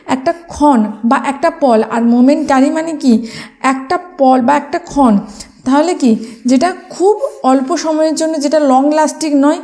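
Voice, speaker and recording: A woman's voice: high-pitched, unhurried, mellow. A woman teaching exam vocabulary, spelling words out letter by letter and asking and answering her own questions. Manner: frequent fillers, mixes English words into speech. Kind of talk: exam prep lesson.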